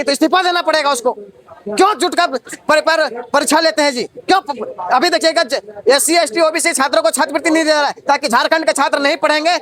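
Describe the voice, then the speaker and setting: A young male exam candidate from Jharkhand speaks in a street interview. His voice sits very high and he talks quickly, piling up indignant rhetorical questions. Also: fairly bright tone.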